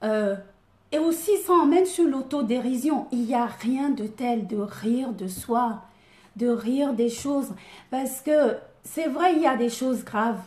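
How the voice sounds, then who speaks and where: This woman, who has an African French accent, talks slowly in a slightly mellow voice on the high side, and the sound is reverberant. She's a coach hosting a relaxed live video, addressing viewers by name, laughing and making fun of herself.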